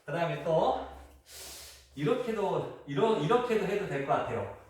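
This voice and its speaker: A man's voice: fairly high pitch, lively intonation, normal speed, a little mellow. A man casually explaining and acting out the steps of a traditional game, with frequent exclamations as he moves. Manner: chatty step-by-step instructions, frequent exclamations while moving. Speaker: host demonstrating a traditional Korean game. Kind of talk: unedited casual demonstration. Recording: echoey, distant camera audio with faint noise.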